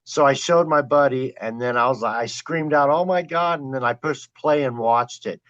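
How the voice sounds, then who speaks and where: A man's voice: medium pitch, moderate pace. Storytelling man on a dull lo-fi line. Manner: excited, animated retelling with quoted exclamations. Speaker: guest, trail camera wildlife filmer. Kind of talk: storytelling in a podcast interview.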